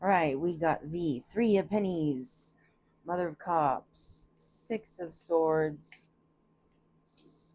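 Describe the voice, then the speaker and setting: Deep and a little mellow, the woman's voice carries a casual tarot reading done in a room of her home. She chats as she goes, thinks aloud, and keeps laughing at herself.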